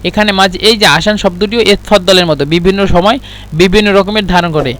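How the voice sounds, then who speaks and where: A man teaching Arabic vocabulary in a casual spoken lesson, repeating each word slowly and explaining what it means. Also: high voice, a bit bright.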